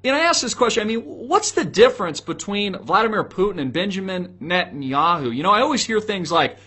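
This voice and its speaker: Very animated and a little fast, this high-pitched male online host delivers solo political commentary in a pushed, bright, husky voice. He lectures with strong opinions, hammering his points and posing rhetorical questions directly to viewers.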